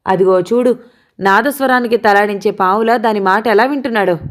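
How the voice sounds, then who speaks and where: A woman voicing a scornful older mother who shouts, taunts and wails at her son's lover, in an audiobook. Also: mid-range voice, moderate pace, lightly acted. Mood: wailing, bitter. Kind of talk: audiobook character voice.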